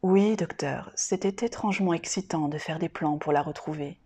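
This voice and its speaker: A woman voicing a troubled, lovesick young man in a clinic, speaking softly and trailing off quietly in an audiobook reading. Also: deep voice, moderate pace, husky. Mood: wistful.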